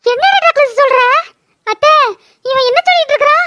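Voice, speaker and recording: A woman voicing a bitter, sharp-tongued young wife. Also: very high-pitched, fairly quick. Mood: alarmed. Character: young wife fed up with her drunkard husband. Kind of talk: cartoon voice acting.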